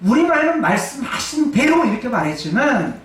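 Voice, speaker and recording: Male pastor preaching, high animated voice, echoey church hall heard from far off. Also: normal speed, a little hiss or hum. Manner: emphatic, asks and answers his own questions. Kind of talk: sermon. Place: church sanctuary.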